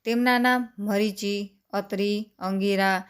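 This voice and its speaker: A woman's voice: mid-range voice, clean tone. Woman reciting scripture steadily. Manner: steady recitation, slowing for lists of names. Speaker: scripture reader. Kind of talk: devotional scripture narration.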